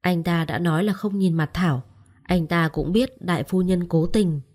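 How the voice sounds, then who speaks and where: A woman reads a romance story aloud in a steady, scripted narration. Her voice sits on the low side for a woman and flows evenly from line to line. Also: moderate pace.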